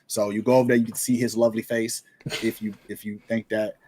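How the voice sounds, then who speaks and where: A man's voice: lowish voice, level tone, fast, dark tone, slightly rough. A man hosting a casual podcast interview, who talks in a joking, playful way and swears often. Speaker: podcast host.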